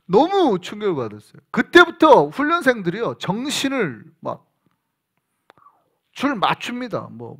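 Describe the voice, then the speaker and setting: A middle-aged male pastor from South Korea, preaching a sermon and acting out the people he quotes. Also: sits high. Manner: animated, acts out quoted voices and drill sergeants.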